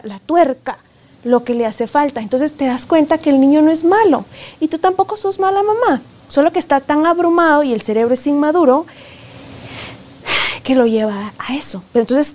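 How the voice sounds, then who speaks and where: A woman, speaking as a guest expert in a conversational interview, animated and often acting out parents and children. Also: high-pitched. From Guatemala. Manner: animated, acts out parents and children in quoted voices. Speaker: positive discipline expert guest.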